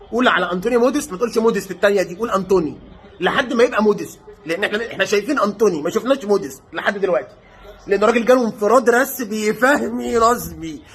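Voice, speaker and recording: A young Egyptian man with an Egyptian Arabic accent, reacting to a football match in a mocking, joking way and shouting at times. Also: very high-pitched, breathy edge. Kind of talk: excited match reaction commentary.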